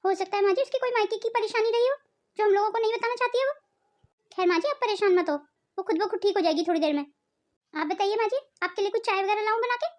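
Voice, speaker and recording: A woman's voice: very high-pitched, fast. A woman voicing a long-suffering young daughter-in-law in a cartoon, plaintive and pleading. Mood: gentle. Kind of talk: melodramatic cartoon voice acting.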